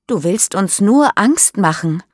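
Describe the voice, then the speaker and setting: A woman voicing a doubtful, sharp-tongued teenage girl in an audiobook story. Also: mid-range voice, animated, slow, dry recording, clean studio sound, pitched above the performer's own voice.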